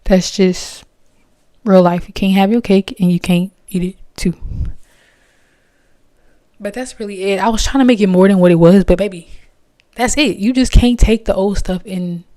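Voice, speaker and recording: A woman's voice: medium pitch, mellow, dry recording, clean studio sound. A young woman hosting a podcast, talking candidly and casually about faith, with plenty of slang. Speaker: podcast host.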